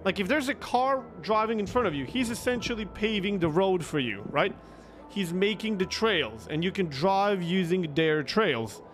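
Here a young adult streamer with a Croatian accent relates a casual story to his livestream chat at a moderate, animated pace. His fairly high voice comes through a close desktop microphone with a headset, faint music underneath. He's emphatic and sweary, repeating words to drive his points home.

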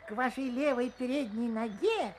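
An actor playing a chatty, eager little male grasshopper in a children's audio story, hesitant and rambling in an excitable way. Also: moderate pace, slight background noise, natural voice. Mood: chatty, recounting. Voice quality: high-pitched, small voice.

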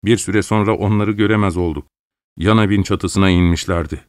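Low-voiced man narrating an audiobook. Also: steady tone, clean tone, no echo, studio quality. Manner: measured, dramatic storytelling.

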